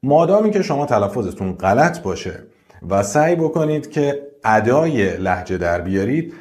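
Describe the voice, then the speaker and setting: A man hosting an English lesson, explaining pronunciation clearly and methodically. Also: lowish voice, a little mellow. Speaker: English teacher and video host.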